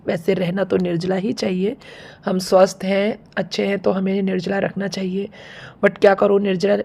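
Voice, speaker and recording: A woman with a sore, hoarse throat chatting casually through a home vlog, explaining things step by step. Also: mid-range voice, warm tone. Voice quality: gravelly, husky. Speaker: home vlogger.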